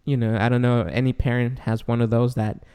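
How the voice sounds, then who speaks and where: A man's voice: medium pitch, little pitch movement, fairly quick, dark tone, clean tone. A young man who speaks English as a second language, chatting casually as a podcast host in a big, echoey room that sounds like an empty warehouse. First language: not English. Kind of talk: casual chat. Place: large, tall apartment room.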